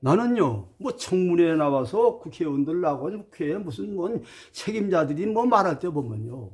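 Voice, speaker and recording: Guy preaching at his viewers, high voice that swings all over, emphatic, throws rhetorical questions, formal one sec then blunt. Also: very animated, normal speed, darkish tone. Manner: emphatic, swings between formal address and blunt casual speech. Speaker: spiritual teacher addressing viewers. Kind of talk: preachy spoken monologue.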